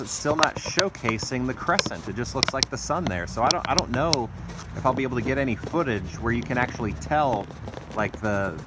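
A man in his forties vlogging casually on a phone in a backyard, musing tentatively and often trailing off mid-thought. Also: mid-range voice. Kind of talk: casual vlog narration of watching the sky. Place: outdoors in a residential backyard. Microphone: phone held at arm's length. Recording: clear outdoor ambient noise.

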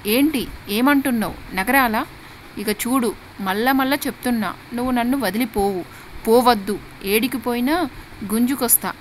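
A woman doing a rough, possessive young husband. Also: a little high, animated, brisk, a little hiss or hum, lightly acted, low-quality recording. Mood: menacing. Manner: threatening, insistent.

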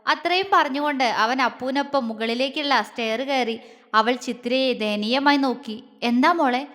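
A woman storyteller reading a romance story aloud in a steady, expressive way. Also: high voice, moderate pace, big-room sound. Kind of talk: scripted story narration.

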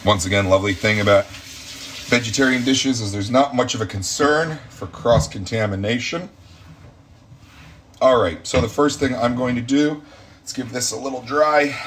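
A man's voice: medium pitch, a little fast, a bit bright, slight background noise. A man hosting a casual cooking demonstration from his home kitchen, chatty and campy, cracking self-mocking jokes as he works. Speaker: home cooking show host.

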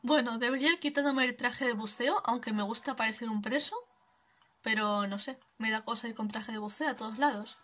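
A woman's voice: on the high side, fairly quick, fairly bright tone, soft background music. A young woman, giving casual gameplay commentary, chatty and giggly, thinking aloud. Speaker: gaming video creator.

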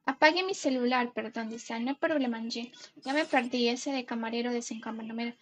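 Una mujer joven que transmite en directo un juego, charlando de forma juguetona y leyendo en voz alta los nombres de su chat. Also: female voice, a little high, fairly quick, slight background noise. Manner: chatty, playful, greets viewers and reads chat names aloud. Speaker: gaming live streamer. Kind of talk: casual live stream chat.

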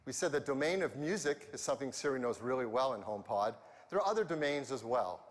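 A man's voice: medium pitch, animated, quick pace. A man in his fifties giving an enthusiastic keynote product presentation on a large arena stage, speaking into a headset mic. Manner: enthusiastic, walks the stage gesturing. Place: large arena stage before a big audience. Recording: reverberant arena.

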